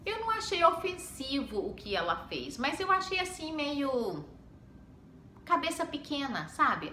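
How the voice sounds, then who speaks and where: A young adult woman with a Brazilian Portuguese accent, telling personal stories in a chatty, animated vlog. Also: high-pitched. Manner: chatty, animated, with rhetorical asides. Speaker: vlogger. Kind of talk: casual storytelling vlog. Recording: echoey room with faint background noise.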